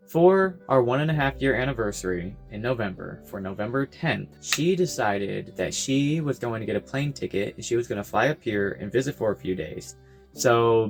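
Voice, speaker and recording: A young man casually recapping his year on camera, rambling with goofy, self-mocking asides. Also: on the low side. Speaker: vlogger. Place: his bedroom.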